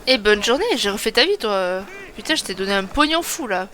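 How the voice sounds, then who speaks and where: A woman's voice: mid-range voice, animated, a little fast, a bit bright. A woman giving chatty, self-mocking let's play commentary, thinking aloud as she plays. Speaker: gaming streamer. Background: game music.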